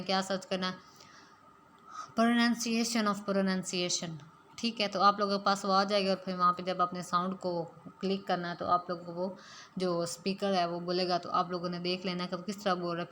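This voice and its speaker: A woman's voice: medium pitch, fairly bright tone, a little hiss or hum. A woman teaching spoken English, explaining step by step and slipping English phrases into her talk.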